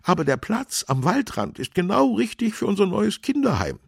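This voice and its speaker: A fussy town councillor with a high, fluttering voice, stumbling over his words as he chatters along, as a man puts him on. The voice is husky and a little gravelly, and it sits close and dry in the recording. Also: normal speed, no room sound, exaggerated voice. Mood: flustered. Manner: flustered, hesitant, high and excited.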